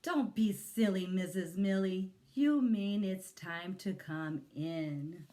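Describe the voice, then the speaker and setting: Young schoolchildren in a storybook, played by a woman reader, correcting their silly teacher. The words are stretched out slowly and emphatically, in a playful scolding singsong. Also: on the low side, warm tone.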